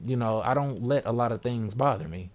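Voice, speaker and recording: A man's voice: mid-range voice, fairly quick. Laid-back young man ranting casually. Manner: laid-back, rambling, sarcastic mock voices. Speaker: vlogger. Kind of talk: casual rant to camera.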